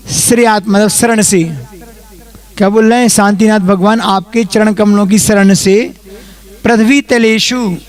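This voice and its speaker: A man who is a monk, leading a class in reciting and explaining Sanskrit verses, chanting slowly and then explaining in quick asides. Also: sits high. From India. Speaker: Jain monk teaching a class.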